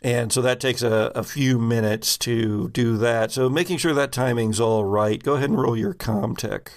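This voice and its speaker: Speaking in a mid-range voice, a man acts as game master for a tabletop game, narrating casually and haltingly while thinking aloud.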